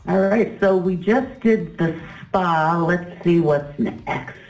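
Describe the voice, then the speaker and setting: Female travel host: conversational guide, lower register, roomy sound with background music. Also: takes it slowly, a little mellow. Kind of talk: casual travel chat. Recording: echoey, music behind.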